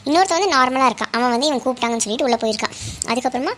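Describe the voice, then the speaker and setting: A woman's voice: sits high, animated, racing, a bit bright, slight background noise. A woman voicing a chatty girl telling a ghost story at camp, often asking "okay?". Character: chatty storyteller girl who scares easily.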